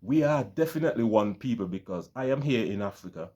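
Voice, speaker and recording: A man speaks straight to his viewers in a very low, dark, mellow voice. He sounds earnest and keeps repeating himself, and he often calls his audience his friends. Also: lively intonation, quick pace. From Caribbean. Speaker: vlogger. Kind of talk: casual talk to camera.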